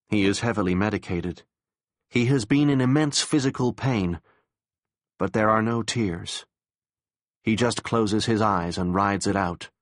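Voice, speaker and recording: A man narrating an audiobook in a measured, somber manner. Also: lowish voice, dry recording, studio quality. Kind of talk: scripted narration.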